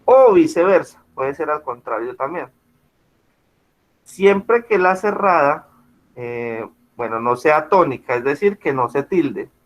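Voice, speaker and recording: A male school teacher runs an online class over a video call, explaining patiently and often checking that students are following. His voice is a little high, animated, and slow, and the video-call audio is muffled.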